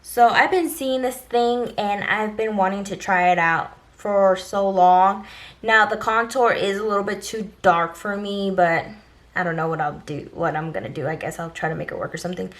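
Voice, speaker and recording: A woman's voice: mid-range voice, moderate pace, a bit bright. A woman talking casually and directly to viewers as a beauty vlogger, giving an informal shopping haul review.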